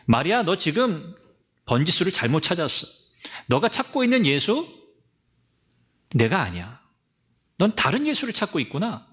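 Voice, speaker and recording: Jesus, as a preacher voices him, gently questioning. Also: male voice, on the high side, wildly swooping pitch, normal speed, pauses often. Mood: gentle, probing. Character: risen Jesus, gently correcting a grieving woman.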